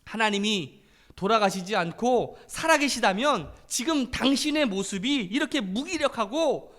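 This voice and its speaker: A man's voice: very high voice, expressive, fairly bright tone, exaggerated voice. A man voicing a reproachful grieving wife. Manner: wailing, then slow and reproachful. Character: exhausted reformer's wife, grieving then scolding.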